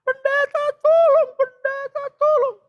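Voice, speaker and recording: A man voicing a panicked mother who cries out to the pastor for help in a shrill, desperate falsetto. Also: steady tone, measured pace, dull audio. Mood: desperate pleading.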